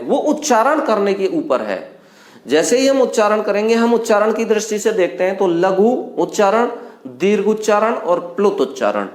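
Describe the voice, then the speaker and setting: Male grammar teacher, high voice, quizzes his students and answers himself, stretches vowels slowly, roomy classroom sound. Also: a little mellow. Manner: asks the class questions and answers them himself, addresses students as beta; draws vowels out slowly to show their length. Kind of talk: classroom lecture. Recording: echoey classroom.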